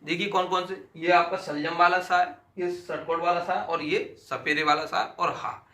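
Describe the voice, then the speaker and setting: A man's voice: sits high, little pitch movement, moderate pace, pushed and bright, reverberant. A man teaching an exam-prep grammar lesson, repeating sounds aloud and asking and answering his own questions.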